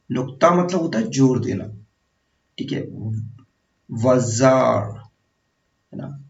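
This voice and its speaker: Male teacher running an exam-prep grammar lesson, quizzes the viewer, gravelly low-key voice, heard from afar in an echoey room. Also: a little mellow. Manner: slow, repetitive, quizzing the viewer. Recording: echoey, distant, dull room sound.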